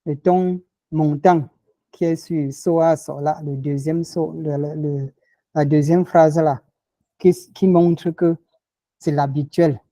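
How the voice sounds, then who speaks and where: Man, language teacher, slow patient explaining, very dark voice. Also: fairly high pitch, fairly even intonation, no room sound. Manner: slow, patient, repeats example words. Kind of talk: explaining grammar and tones.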